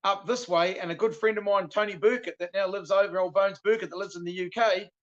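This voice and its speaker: A man's voice: high-pitched, steady tone, a little fast. A middle-aged man with a broad New Zealand accent, chatting casually as an interview guest in a laid-back, slangy way. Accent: broad New Zealand (Kiwi). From South Island, New Zealand. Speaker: guest, veteran stock car driver. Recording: dull lo-fi call audio.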